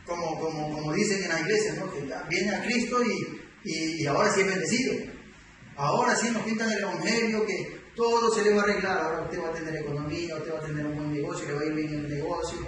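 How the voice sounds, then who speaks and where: A man, emphatic and full of rhetorical questions. He is recorded from a distance in a large church hall, with a strong echo and a constant background noise. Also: high voice. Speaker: preacher teaching doctrine. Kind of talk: sermon.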